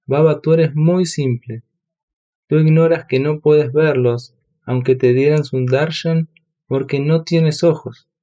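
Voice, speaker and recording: A man voicing a playful, tender young goddess in a storybook reading, speaking gently. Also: a little high, fairly even intonation, slow pace, voice pushed up. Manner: gentle, coaxing.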